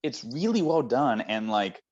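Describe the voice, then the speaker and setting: A man's voice: mid-range voice, big pitch swings, measured pace, a little mellow. Eager man chatting films, lo-fi. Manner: enthusiastic, rambling with fillers. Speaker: podcast co-host. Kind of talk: casual chat about films. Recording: dull lo-fi audio.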